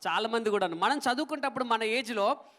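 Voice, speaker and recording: A man's voice: very high voice, lively intonation, fast, sharp tone. A man telling jokes on stage at a film event, chatting with the crowd and asking for applause. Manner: chatty storytelling, asks the crowd for claps. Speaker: stand-up comedian.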